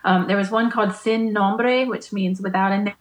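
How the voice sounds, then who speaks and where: A woman talking as a podcast guest over a video call, thoughtful with halting restarts. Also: mid-range voice, steady tone, rough recording. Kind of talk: casual chat.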